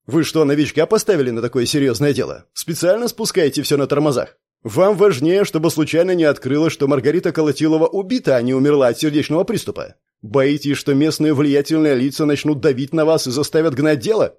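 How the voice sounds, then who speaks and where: A commanding middle-aged police colonel, bullying and relentless, as a man reads him. His voice sits fairly high and stays forceful in this audiobook scene. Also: expressive, fast talker, close to an everyday voice. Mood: browbeating. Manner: forceful, browbeating.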